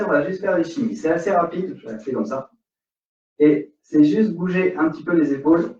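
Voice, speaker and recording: A man's voice: a little high, darkish tone. A man with a French accent teaching an online salsa class, counting beats and singing rhythm syllables. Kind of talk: online dance class instruction. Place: dance studio. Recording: roomy, distant, dull studio sound.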